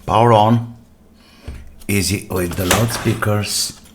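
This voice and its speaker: Slow and fairly even in intonation, a man with a voice on the low side gives casual commentary while repairing something at an indoor workbench. He talks to himself in short phrases and answers his own questions, with clear background clatter from the bench.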